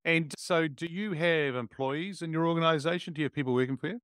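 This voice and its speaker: A man's voice: a little high, fast talker, fairly bright tone, clear, resonant tone, dry recording. Enthusiastic male podcast host, dry close mic. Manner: enthusiastic, frequent praise words. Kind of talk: upbeat conversational interviewing.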